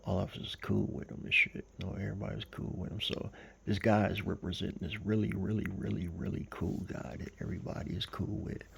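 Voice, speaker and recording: Male vlogger, low, gravelly voice; loose, rambling storyteller who stumbles and restarts. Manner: rambling, halting, full of fillers and self-corrections. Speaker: vlogger recounting a dream. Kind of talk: casual storytelling.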